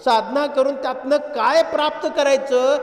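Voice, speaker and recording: Male spiritual preacher, high-pitched, storytelling sermon with big swings from loud stresses to quiet asides, long hall reverb. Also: normal speed. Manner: lively storyteller, swings between loud emphasis and low asides.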